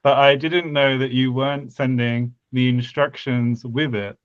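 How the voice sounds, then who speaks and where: A man's voice: medium pitch, fairly even intonation, unhurried, no room sound. A man on a video call, talking in a dry, wry way. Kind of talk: casual video call chat. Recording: dull lo-fi call audio.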